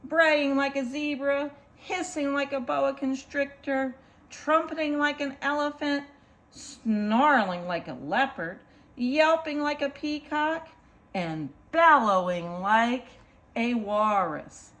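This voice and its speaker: She is a children's story time reader with a high, fairly bright voice. Reading a picture book to young children, she speaks slowly and deliberately, leans on singsong repetition and talks directly to the little ones with simple asides.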